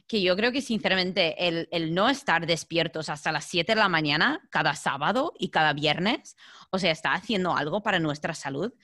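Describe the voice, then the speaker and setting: A woman's voice: on the low side, animated, moderate pace, bright, forceful tone. A woman hosting a podcast in an informal, conversational way. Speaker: podcast host. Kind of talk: casual podcast interview chat.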